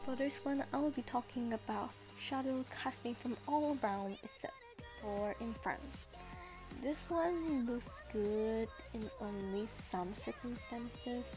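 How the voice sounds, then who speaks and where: Voicing a drawing tutorial with clear background music behind her, a teenage girl rambles casually, restarts hesitantly and tells chatty side stories. She speaks slowly in a slightly high voice, and the audio quality is poor.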